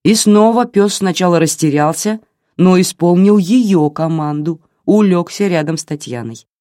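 Expressive novel narrator with an animated delivery and a dry, close sound. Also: mid-range voice, normal speed, no room sound. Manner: expressive, dramatic reading. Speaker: audiobook narrator.

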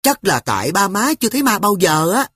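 A frightened little girl from an audiobook, played by the narrator, her voice pitched far above the reader's own. She wavers and pleads at a quick pitch. The husky tone sounds dry and close. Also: big pitch swings, a bit bright, dry recording. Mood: needling. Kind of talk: audiobook character voice.

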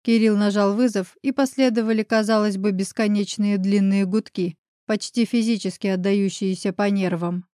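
A woman narrating an audiobook in an even, steady storytelling manner. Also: mid-range voice, moderate pace, few pauses, no room sound, studio quality. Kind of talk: scripted narration.

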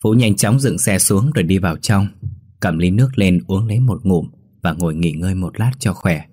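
Low husky male storyteller. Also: normal speed, no room sound, clean studio sound. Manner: steady storytelling. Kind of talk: scripted narration.

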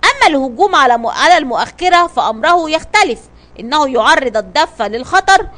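A woman's voice: high-pitched, animated, fast, a bit bright. A woman reading a children's adventure story aloud, often stumbling and restarting words. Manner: reads with frequent stumbles and restarts.

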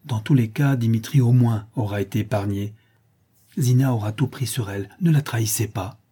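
A man's voice: medium pitch, normal speed, warm tone, slightly rough, lightly acted. A man reading aloud and voicing a proud young aristocratic girl who speaks in a mocking, theatrical tone. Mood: earnest.

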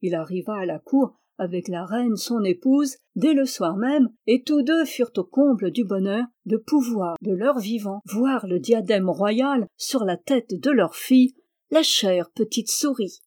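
A woman reading a fairy tale aloud in a measured storytelling manner. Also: mid-range voice, expressive, warm tone. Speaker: audiobook reader. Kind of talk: scripted narration of a fairy tale.

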